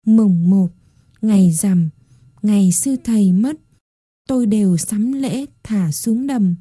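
A frail, sick grandmother in her last days, speaking weakly through tears, as a woman storyteller voices her. The voice is breathy and mellow, soft and unhurried. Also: medium pitch, no room sound, clean studio sound. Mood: frail, tearful. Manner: weak and tearful. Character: frail, sick old grandmother, weeping and gentle.

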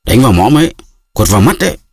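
A drunken, brutal peasant bellowing and bragging, his husky voice pushed higher than the reader's own, as a man narrating puts him on. The sound is dry and close. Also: animated, moderate pace, no echo. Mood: furious. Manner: shouting, blustering. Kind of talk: audiobook character reading.

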